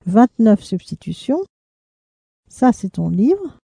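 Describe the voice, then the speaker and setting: A woman leading a language lesson, reading drill prompts in a measured cadence. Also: on the high side, big pitch swings, vocal fry, dark tone, slightly rough. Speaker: language teacher.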